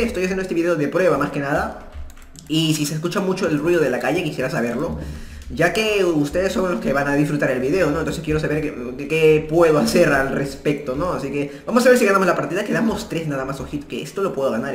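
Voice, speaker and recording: A young man giving casual gameplay commentary from his new apartment, chatty and prone to sudden excited outbursts. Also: a little high. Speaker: gaming YouTuber. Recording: echoey room, faint background music.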